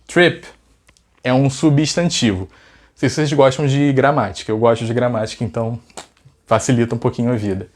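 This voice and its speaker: Chatty Brazilian English teacher. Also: male voice, medium pitch, fairly even intonation, brisk. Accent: Brazilian Portuguese. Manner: chatty, asks rhetorical questions. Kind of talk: casual video lesson.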